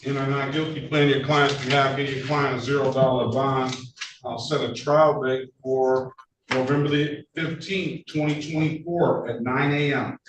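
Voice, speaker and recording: A man presiding as a judge over court proceedings, brisk and procedural with chatty asides, heard in a courtroom recording. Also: medium pitch, fairly even intonation. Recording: echoey courtroom, distant mic, faint noise.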